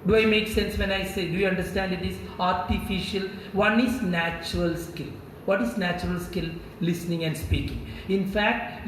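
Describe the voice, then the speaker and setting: A Malayalam-speaking visiting professor from Kerala, with an Indian English accent, teaches and quizzes a class while repeating key words. His voice sits high, and the distant mic in an echoey room picks up a little hiss or hum.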